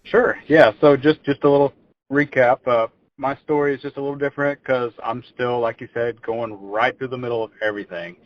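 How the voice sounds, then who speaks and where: Speaking a little fast with a steady, medium-pitched voice, this man in his twenties from Texas shares his story as a podcast guest. He rambles casually and tends to repeat words as he launches into phrases. The recording sounds dull and lo-fi.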